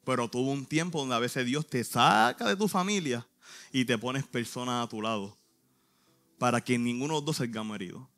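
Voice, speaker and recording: A man's voice: mid-range voice, moderate pace, a bit bright. A man, a youth pastor giving an earnest, emotional church testimony in short phrases. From Puerto Rico.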